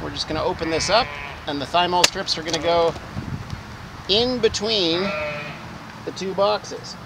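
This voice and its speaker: A man's voice: high voice, unhurried, very noisy. A man in his forties who runs a beekeeping vlog, explaining step by step while he works outdoors beside his hives. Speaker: beekeeping vlogger. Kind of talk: casual how-to vlog. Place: outdoors in a garden beside beehives.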